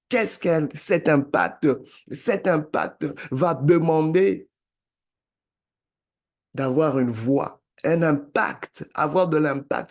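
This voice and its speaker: A man giving a motivational sermon-style talk in an emphatic, repetitive preaching cadence. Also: a little high. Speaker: motivational speaker.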